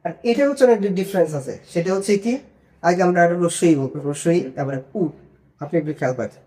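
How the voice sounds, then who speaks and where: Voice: medium pitch, animated, quick pace, mellow. A language teacher giving an online lesson, patiently drilling single sounds one by one and often checking that learners follow. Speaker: Chinese pronunciation teacher.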